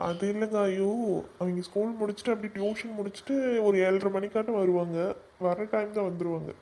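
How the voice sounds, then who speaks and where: A man's voice: high voice, fairly even intonation, fairly quick, warm tone. A man in a family comedy skit, talking in an easygoing, teasing way. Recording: noisy background hiss.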